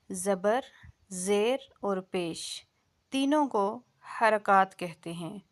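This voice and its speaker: A woman teaching an online Quran recitation lesson, drilling syllables slowly and patiently, then explaining quickly. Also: medium pitch.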